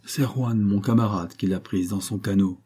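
A man reading the lines of a calm fisherman in an audiobook, answering plainly. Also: on the low side, moderate pace, breathy edge.

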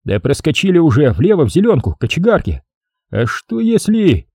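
A man's voice: a little high, huge pitch swings, normal speed, mellow, breathy edge, dry recording, studio quality, voice pushed up, heavily acted. A man voicing a young, eager male lieutenant who leads his soldiers with bold, conspiratorial talk. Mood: scheming.

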